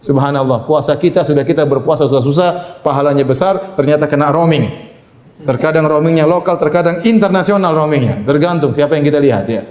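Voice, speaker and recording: A man giving a Ramadan sermon in an animated manner, quoting Arabic and translating it, with humorous asides. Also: a little high, quick pace. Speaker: preacher. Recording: echoey room.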